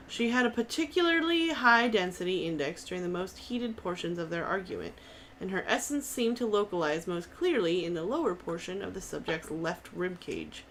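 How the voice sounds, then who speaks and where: A brisk, clinical scholar woman from a fantasy game, read by a woman. Her voice is bright and lively as she rattles off her findings. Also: on the low side, slight background noise. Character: brisk female scholar studying souls.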